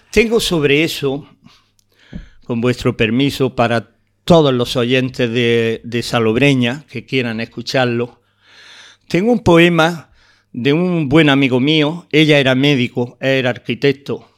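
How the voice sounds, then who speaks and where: A man's voice: mid-range voice, a little slow, clean tone. An older man, a guest poet telling heartfelt stories in a radio interview. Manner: earnest, heartfelt storytelling with frequent restarts. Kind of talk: radio interview, reminiscing and introducing poems.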